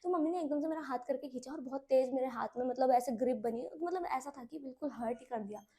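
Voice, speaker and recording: Quick, high-voiced young woman telling a story. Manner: animated, addresses viewers as friends. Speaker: YouTuber. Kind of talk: casual storytime.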